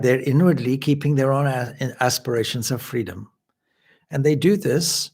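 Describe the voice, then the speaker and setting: A man from Zimbabwe delivers a spiritual lecture as a swami, explaining points in a measured way. His voice is gravelly with a husky edge. He sits at a middle pitch. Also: darkish tone. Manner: measured, explanatory, with occasional restarts. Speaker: swami giving a spiritual talk.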